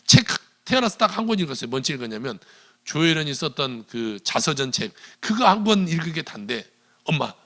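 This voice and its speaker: A male pastor preaching a sermon in a church, retelling a story with animated delivery and quoted dialogue. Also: a little high, fairly quick. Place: church sanctuary.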